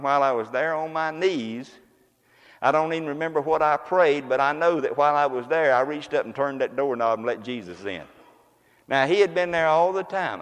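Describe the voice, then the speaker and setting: A man's voice: medium pitch, long reverb tail. A man preaching a sermon to his congregation in a folksy, conversational way, full of homespun examples. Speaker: pastor. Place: church sanctuary.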